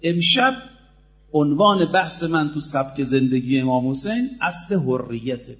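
A male preacher with a notably high voice delivers an emphatic sermon. He turns to the crowd often and urges them to listen closely. He tells stories along the way to drive his point home. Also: lively intonation, fairly bright tone. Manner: emphatic, addresses the audience directly.

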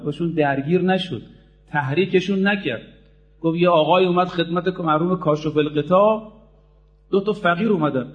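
A male preacher with a notably high voice delivers an emphatic sermon. He turns to the crowd often and urges them to listen closely. He tells stories along the way to drive his point home. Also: dull audio. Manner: emphatic, addresses the audience directly.

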